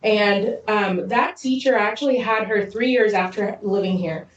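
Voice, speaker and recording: A woman from Zambia co-hosting a podcast, telling stories quickly and lively with frequent laughs. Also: medium pitch, lo-fi sound. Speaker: podcast co-host. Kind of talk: casual chat. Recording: roomy echo, distant mic.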